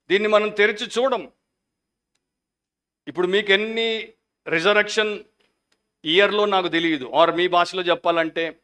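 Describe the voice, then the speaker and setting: A man preaching a Sunday sermon as a pastor, passionate at the peaks and hushed in prayer, mixing English phrases into his Telugu. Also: a little high. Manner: fervent preaching, shifting into quiet prayer.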